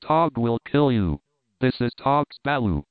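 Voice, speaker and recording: A fierce young mother ape snaps her warnings, raised and loud over a dry, close sound, as a man reading the story puts her on. Her voice stays smooth and full. The recording is narrow and phone-like. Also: mid-range voice, very animated, a little slow, no echo. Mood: threatening. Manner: curt warning threats.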